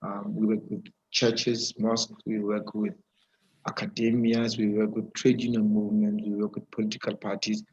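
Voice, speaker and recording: A man hosting a live webinar interview over an online video call with a weak connection, talking haltingly with many fillers and restarts. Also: on the low side, monotone, darkish tone. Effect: heard over an online video call with a weak connection. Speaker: webinar host. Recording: dull, muffled video call audio.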